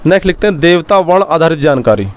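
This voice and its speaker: A male teacher giving a dictation-style history lecture, slowly repeating phrases so students can write them down and addressing them warmly as children. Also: a little high, expressive.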